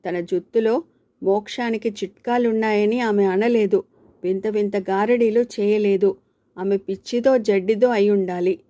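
Brief: woman storyteller, measured read-aloud narration, warm low tone, dry close recording. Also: dry recording.

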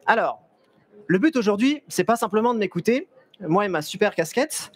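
A man's voice: high voice, moderate pace, slightly rough. Chatty young man on a fair stage. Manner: lively, chatty, many restarts and fillers, joking with the audience. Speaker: photographer giving a talk. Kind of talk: live stage presentation. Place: stage at a trade fair, large indoor hall. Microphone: headset mic.

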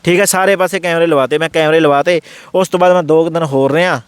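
Fast-talking man telling his story. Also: a little high, steady tone, clear, resonant tone, no room sound. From Punjab. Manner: rapid, earnest telling that acts out the others' words in quotes. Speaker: interview guest. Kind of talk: casual first-person storytelling.

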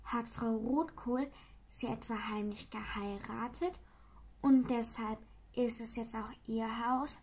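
A woman voicing a mild-mannered grown man, gentle and often puzzled, while reading a children's book aloud. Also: on the high side, fairly even intonation, slow pace.

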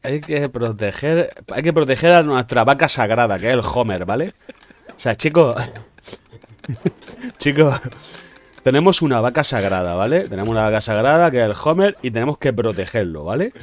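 A man's voice: mid-range voice, animated, normal speed. A man with a Spain Spanish accent giving casual, teasing gaming commentary to his teammates. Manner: playful, teasing, slangy banter. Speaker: gaming streamer.

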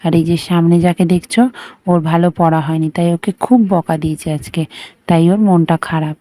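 A woman narrating her own vlog in a calm voice-over, recounting her day of teaching and her mother's cooking. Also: fairly low pitch, brisk, no echo.

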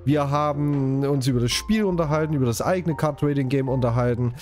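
A man's voice: medium pitch, fairly quick, darkish tone, faint music behind. A man from Saxony chatting casually to his viewers while playing a game, jokey and talkative. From Saxony, Germany. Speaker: gaming YouTuber. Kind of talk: casual let's-play commentary.

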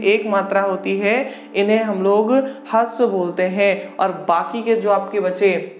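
Echoey woman teaching a drill-style class. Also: medium pitch. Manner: drills with repeated questions and answers. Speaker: Hindi teacher. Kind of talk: exam-prep lesson. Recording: echoey room.

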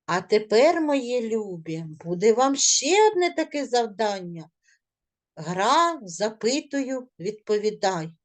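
A woman's voice: a little high, very animated, slow. A middle-aged woman teaching a video lesson to young children, encouraging them and drilling syllables in a sing-song way. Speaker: primary school teacher.

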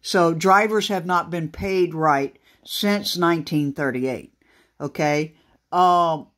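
Slow, halting trucker man. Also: high-pitched, fairly bright tone. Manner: unhurried, halting, many fillers and restarts. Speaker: trucker vlogger. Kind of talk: casual talk to camera. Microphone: phone camera pointed at a laptop screen.

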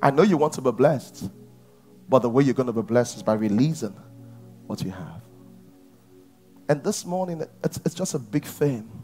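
A pastor in his thirties with a Nigerian English accent, preaching a sermon on a large church stage and swinging from shouts to near whispers. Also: medium pitch, lively intonation, moderate pace, long pauses, soft background music.

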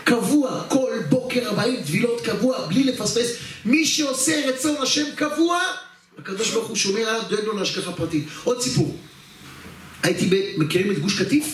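During a religious talk, a rabbi with a high voice and lively intonation tells a personal story, addressing the audience directly and acting out the scenes. He's far from the mic in a very echoey hall.

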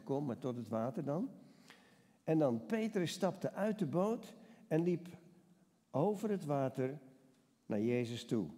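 Dutch preacher with a mellow, high voice. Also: male voice. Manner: conversational, asks the congregation questions. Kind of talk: sermon with Bible reading. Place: church hall. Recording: long church reverb.

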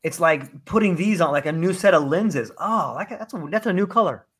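An older man, talking in a loose, animated way full of fillers, on a video call from home. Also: high-pitched, normal speed, husky. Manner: animated, rambling, many fillers. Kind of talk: casual conversation.

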